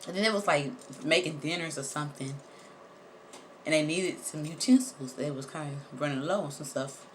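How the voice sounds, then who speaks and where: A woman telling a personal story straight to her viewers, animated and emphatic, repeating words for effect and swearing casually. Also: deep voice, moderate pace, slight background noise. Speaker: vlogger.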